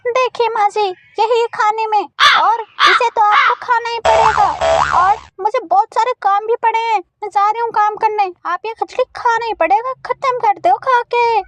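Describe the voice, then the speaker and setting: A woman's voice: very high-pitched, sing-song, fairly bright tone, dry recording, pitched above the performer's own voice, heavily acted. A woman voicing a busy young crow daughter-in-law. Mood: pleading. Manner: brisk, pleading, polite.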